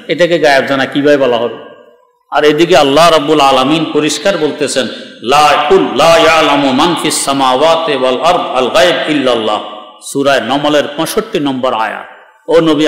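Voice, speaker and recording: A man's voice: mid-range voice, a bit bright. A man from Bangladesh, preaching a sermon in an emphatic, argumentative and mocking way. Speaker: Islamic preacher. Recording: echoey hall reverb.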